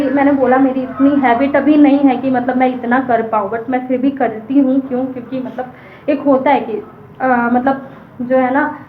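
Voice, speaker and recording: A woman's voice: high voice, a little hiss or hum. A woman vlogger chatting casually and rambling straight to her viewers. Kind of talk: casual vlog chat to camera. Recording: echoey room on a tinny phone mic.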